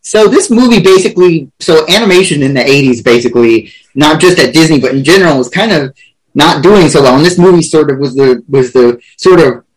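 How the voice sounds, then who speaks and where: A man's voice: a little high, animated, brisk, breathy edge, rough recording. A man hosting a podcast, chatting eagerly and riffing on pop culture. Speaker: podcast host. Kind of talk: casual podcast chat.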